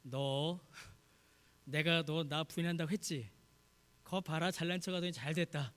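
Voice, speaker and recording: A man acting out Jesus speaking to a disciple in a plain, lower conversational voice during a sermon. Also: unhurried, a bit bright. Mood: mocking.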